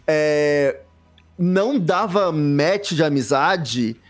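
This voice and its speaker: A man's voice: on the high side, extremely slow, faint music behind. A man in a casual group chat, explaining his point earnestly.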